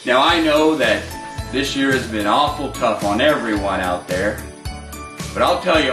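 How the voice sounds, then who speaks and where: Casting: a grandfatherly Santa, lively swooping delivery, roomy distant recording with jingly music behind. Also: fairly high pitch. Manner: jolly, folksy, chuckling ho-ho delivery. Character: jolly old Santa Claus, grandfatherly and generous. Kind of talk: scripted podcast promo in character.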